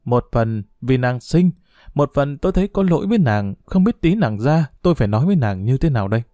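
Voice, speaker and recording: A man tells a first-person story in a wry, self-mocking voice. His pitch is ordinary for a man. The recording is dry and close, with no room sound. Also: sing-song, brisk, dark tone, no room sound.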